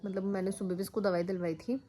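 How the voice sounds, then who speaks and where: A young woman chatting casually in a home vlog, a mother talking softly about her sick child and cooing at him in a higher voice, recorded on a phone in a bedroom. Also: steady tone, fast. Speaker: vlogger and mother.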